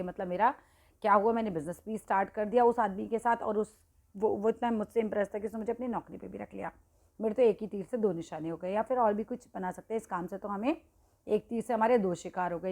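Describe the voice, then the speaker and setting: A Hindi teacher with a mid-range voice tutors exam students on idioms in a casual, conversational lesson. She speaks directly to them, checks on them often, and frequently corrects herself.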